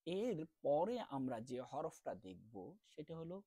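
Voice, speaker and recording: A man teaching an online class, explaining letter sounds step by step and drawing each sound out slowly, then asking questions and answering them himself. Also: on the high side, very animated, warm tone, dry recording. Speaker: Quran recitation teacher.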